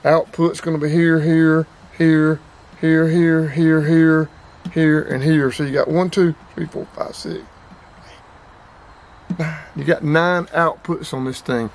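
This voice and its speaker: A man in his fifties from North Carolina walks through a product demo in a casual vlog for his outdoors and radio channel, speaking plainly, rambling, and going over the same points. He sits near the camera in a small storage room, his somewhat high voice level and slow.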